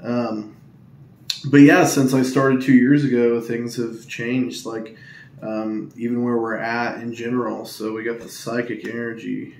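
A man talking quietly and in a flat monotone while opening trading card packs at home, rambling with many ums and uhs in a casual vlog. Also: mid-range voice, measured pace, creaky. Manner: monotone, hushed tone to avoid waking others. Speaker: Pokemon card opening YouTuber. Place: at home indoors. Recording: echoey room with faint ambient noise.

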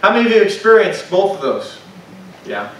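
A man's voice: high-pitched, very animated, brisk, a little hiss or hum. A man preaching a sermon to a congregation, talking in a conversational way and asking the room questions. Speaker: pastor. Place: church sanctuary. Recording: echoey church sound from a distant mic.

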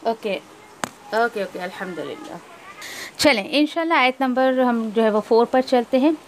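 A woman teaching tajweed, explaining each rule and then slowly reciting verses, correcting wrong pronunciations and mixing in English words. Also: a little high, a little hiss or hum.

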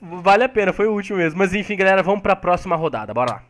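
A young man hosting a group video game session, talking fast and rambling with laughs. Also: high-pitched, fairly bright tone. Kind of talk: excited gaming chat.

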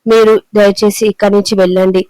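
A woman voicing a worried older lady of the house who speaks calmly and tries to settle a quarrel. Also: mid-range voice, a little fast, clean tone, no room sound, close to an everyday voice, low-quality recording. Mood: calming. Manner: calm, pleading for peace.

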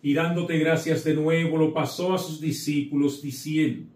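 Middle-aged priest, echoey and distant. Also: male voice, a little high, steady tone, normal speed, a little mellow. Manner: exhorting, then solemn recitation of prayers. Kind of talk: sermon and Mass liturgy. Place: small chapel set with altar, indoors. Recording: echoey room, voice from far off.

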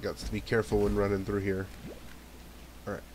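A fairly low, monotone voice comes from a stuffy-nosed man talking a little fast, with background noise and game music under him. He's playing a video game, giving casual commentary and thinking out loud about his next step.

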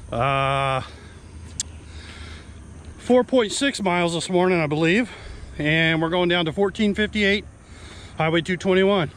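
A chatty man with a slightly high voice films by the roadside, a little out of breath as he talks. He jokes with playful exaggeration in a casual vlog style, with light traffic noise behind him. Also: a bit bright. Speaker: support crew for a runner. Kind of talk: casual outdoor vlog narration.

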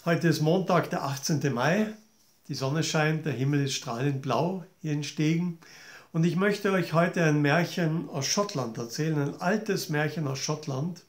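Male storyteller, fairy tale for kids, gentle, speaks to listeners, slow, a bit higher voice, roomy echo.

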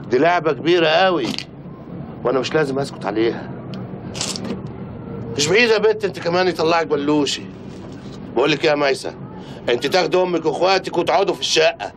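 A man's voice: a little high, fairly bright tone, a little hiss or hum, rough recording. An actor with an Egyptian accent playing a boastful, scheming father who blusters and shows off. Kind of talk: TV drama acting.

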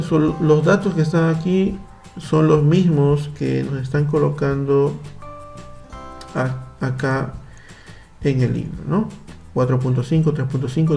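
In a fairly high, creaky voice with a dark tone, a man with a Peruvian Spanish accent runs a screen-recorded computer class for children. He takes them patiently through every step, frequently tacking on tag questions.

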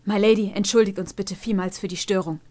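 A woman's voice: medium pitch, fairly even intonation, a little fast, a little mellow, natural voice. A woman voicing an armored male royal guard in a storybook reading, speaking formally and politely. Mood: urgent.

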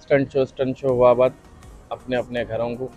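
A young man, a vlogger telling a rambling story in casual chat and acting out the lines of the people in it. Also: medium pitch. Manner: rambling, reenacts dialogue. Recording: dull lo-fi audio with faint music.

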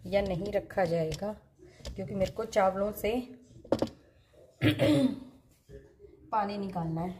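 A woman in her thirties, a mother chatting casually to her viewers from her home kitchen while doing chores and gently scolding her child. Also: mid-range voice, slow, long pauses, background noise. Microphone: phone camera.

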